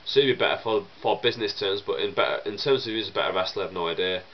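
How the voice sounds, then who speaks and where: This young man races through viewer questions in his vlog, his fairly low voice chesty from a cold and broken by coughs and sniffles. He's chatty and rambling, restarting often and leaning on fillers. The recording sounds muffled, with a little hiss or hum.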